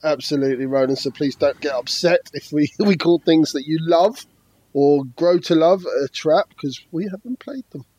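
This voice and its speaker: A man's voice: fairly high pitch, darkish tone, no echo. A man hosting a casual board game podcast, joking and laughing easily. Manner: jokey, quick to laugh. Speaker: podcast host.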